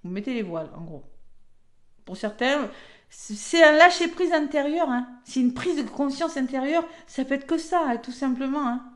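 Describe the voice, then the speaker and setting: A woman's voice: high-pitched, animated, normal speed. A woman giving a casual weekly card reading, chatty and talking straight to her viewers. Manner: chatty, peppers talk with "hein" and "d'accord"; addresses viewers directly. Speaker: tarot card reader. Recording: echoey room.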